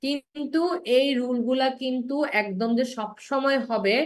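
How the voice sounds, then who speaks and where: A young woman with a high-sitting voice teaches an English grammar class online. She explains patiently and slows down to spell out example words.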